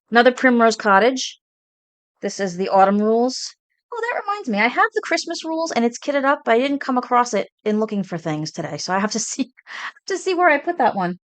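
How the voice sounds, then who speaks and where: A chatty woman in her forties with a Brooklyn accent talks through her craft projects, rambling happily from one piece to the next. Her voice sits at an ordinary middle pitch, and the sound is dry and close with hardly any room to it. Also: fairly quick, dry recording. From Brooklyn, New York. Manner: chatty, rambling, excited about her stitching. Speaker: cross stitch vlogger. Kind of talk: casual show-and-tell chat.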